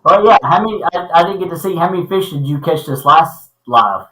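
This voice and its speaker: Greeting viewers and ribbing his friends, this co-host of a relaxed fishing livestream has a fairly high, expressive, bright and forceful voice and talks briskly, though his manner stays laid-back and friendly. He's in a small basement corner room, and the reverberant, low-quality audio gives a hollow, pipe-like sound.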